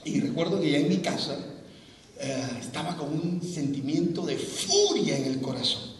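Lively male preacher telling his story, high voice, far off in a reverberant hall. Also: moderate pace, noisy background. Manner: animated storyteller, often laughing. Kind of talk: sermon testimony. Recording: echoey hall, far from mic, audience.

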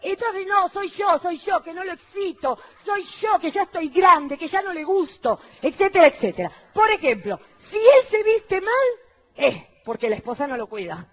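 Woman pastor, Argentine accent, very high-pitched, lively sermon with mocking asides, muffled recording. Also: normal speed. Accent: Argentine Spanish. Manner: lively preaching, rhetorical questions to the crowd; mocking voices for quoted people, dropping low. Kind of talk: sermon to a congregation.

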